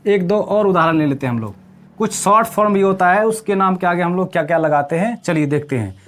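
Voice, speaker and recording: A man's voice: sits high, expressive, brisk, a bit bright. A man teaching an English grammar lesson, asking the class questions and checking in with them as he goes. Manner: asks the class questions and answers them himself.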